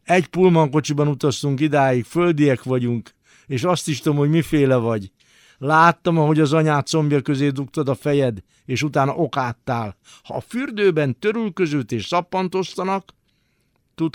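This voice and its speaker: A lanky, bad-mannered man who talks in curt, threatening orders, read out by a male narrator. His voice rises and falls in lively swings, and it sits close and dry with no room sound around it. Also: on the high side, dry recording, natural voice. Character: rude, menacing lanky man, a fellow prisoner.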